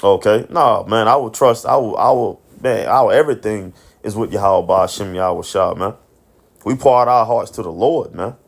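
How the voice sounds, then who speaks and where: Low-voiced man preaching with street slang. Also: moderate pace, creaky. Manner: ends phrases with "man", swears freely; repeats and restarts words, asks questions and answers them himself. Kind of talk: informal scripture commentary.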